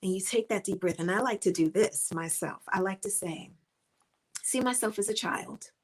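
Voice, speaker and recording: A middle-aged woman speaks straight to a close webcam, earnest and encouraging, repeating her points like a coach. Her voice is a little husky at a middle pitch, and she sometimes sinks to a soft near-whisper. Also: normal speed, poor audio. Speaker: author and motivational speaker. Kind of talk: encouraging faith-based talk to camera.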